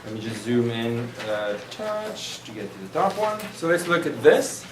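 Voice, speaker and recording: A man's voice: mid-range voice, big pitch swings, normal speed, recorded from a distance, slight background noise. Math instructor, male, patient examples, lecture-room echo, mic set back from him. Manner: explains patiently with examples, trails off and restarts. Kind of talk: recorded classroom lecture.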